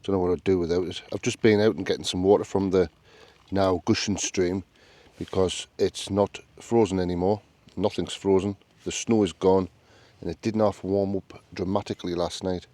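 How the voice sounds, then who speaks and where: Down-to-earth Northern English man, dark low voice. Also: fairly even intonation, normal speed, no echo. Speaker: solo camping vlogger. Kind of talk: casual chat to camera. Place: inside a small tent outdoors.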